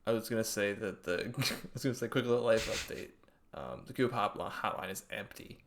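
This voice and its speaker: Man, gravelly voice, podcast co-host, casual chat, relaxed teasing, laughs a lot. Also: fairly low pitch, brisk, noisy background.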